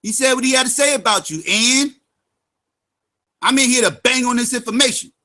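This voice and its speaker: A man's voice: extremely high pitch, moderate pace, pushed and bright. A man giving angry, profane, sarcastic commentary on a livestream.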